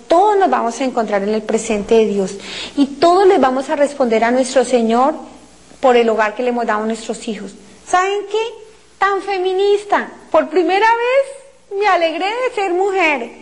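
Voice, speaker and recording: High-pitched Colombian woman preacher, emotional testimony, cries out her pleas. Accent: Colombian Spanish. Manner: addresses listeners as brothers. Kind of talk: impassioned testimony talk.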